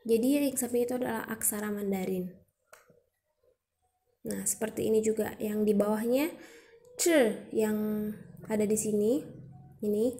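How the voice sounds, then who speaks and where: A woman's voice: fairly high pitch, dark tone. A young woman presenting a student educational video, explaining patiently step by step and demonstrating sounds aloud.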